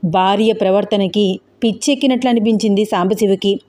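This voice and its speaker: A woman narrating a family drama story in a steady, expressive reading. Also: medium pitch, brisk.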